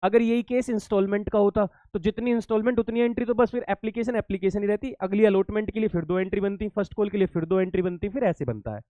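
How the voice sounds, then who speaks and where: A male teacher with a high, mellow voice explains accounting entries to students, repeating the key points and checking that they follow. The recording is dry and a little dull. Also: quick pace, hardly any pauses, dry recording. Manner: addresses students as kids, repeats key points, asks if understood. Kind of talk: exam-prep lesson.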